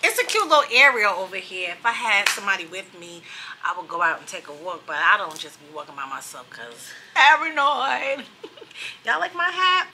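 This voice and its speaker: A middle-aged woman talks casually to her phone camera in a hotel room, rambling from one thing to the next with lively asides. Her voice is very bright and forceful. A faint hiss sits under the recording. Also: mid-range voice, normal speed. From New York. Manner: chatty, rambling, animated asides. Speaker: vlogger. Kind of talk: casual vlog chat.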